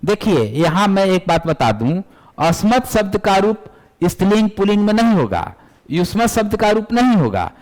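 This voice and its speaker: Guy teaching sanskrit grammar to students, bit high voice, chants the word lists slow, nags the class to pay attention. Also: big pitch swings, darkish tone. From Bihar, India. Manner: addresses students directly, scolding and urging. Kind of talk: classroom lecture.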